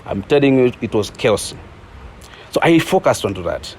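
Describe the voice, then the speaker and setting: A man's voice: medium pitch, lively intonation, normal speed, a little hiss or hum. A young man from Zambia with a Zambian accent, a community resources board leader, telling his story in an interview with some hesitation. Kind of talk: interview recollection.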